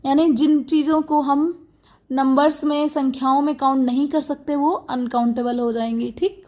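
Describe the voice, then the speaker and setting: Woman, grammar teacher, high voice, slow deliberate delivery, checks in often. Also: dark tone. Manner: explains patiently, repeating words and checking with "okay" and "theek". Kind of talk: classroom grammar lesson.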